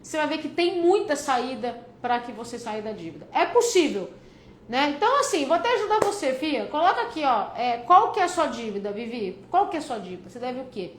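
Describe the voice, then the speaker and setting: A woman's voice: sits high, sing-song, a little fast. A woman with a São Paulo accent, hosting a casual live stream as a debt advisor and answering viewer questions in a chatty, joking way. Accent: São Paulo Brazilian Portuguese. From São Paulo, Brazil. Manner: chatty and joking, calls viewers "filha" and "cara". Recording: echoey room with faint background noise.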